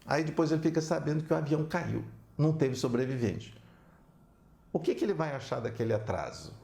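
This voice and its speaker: A man giving an animated storytelling talk as a counselor, often tagging his lines with "né?". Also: a little high, brisk, gravelly. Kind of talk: storytelling talk with religious examples. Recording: roomy echo.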